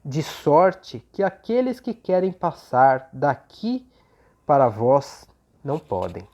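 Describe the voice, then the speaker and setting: A Brazilian speaker leading an unhurried religious talk in short, gently explanatory phrases, with a voice slightly off from recovering from flu. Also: medium pitch, sing-song. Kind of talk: prayer and informal religious talk with scripture reading. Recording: dull, lo-fi sound.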